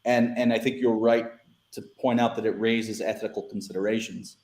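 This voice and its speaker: In a casual panel discussion, an American guest who used to be a newspaper editor rambles, repeats words and restarts his sentences often. His voice is lowish and darkish, with a steady tone and moderate pace, in a reverberant space.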